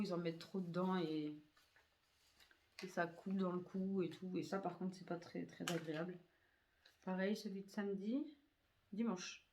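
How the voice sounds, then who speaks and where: A woman's voice: lowish voice, a little mellow, a little hiss or hum. A woman reviewing used-up beauty products in a chatty way, full of hesitations and fillers. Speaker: beauty vlogger.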